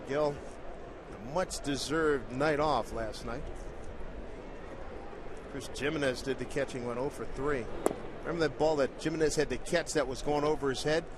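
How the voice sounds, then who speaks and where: A man calling baseball play-by-play, brisk and rising with excitement on big plays. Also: mid-range voice, noisy background. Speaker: play-by-play announcer.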